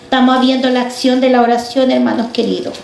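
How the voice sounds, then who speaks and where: A woman delivers a fervent sermon in a high, ringing voice. She keeps turning to the congregation with questions. Her voice bounces around a roomy church hall. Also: little pitch movement, fast talker, creaky, darkish tone, a little hiss or hum. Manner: fervent, addresses the congregation directly with rhetorical questions. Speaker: preacher.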